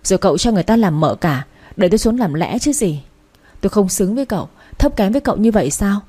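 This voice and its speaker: A woman voicing a jealous young wife who answers in sharp, accusing words. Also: medium pitch, animated, fast, slightly rough. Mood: hurt, angry.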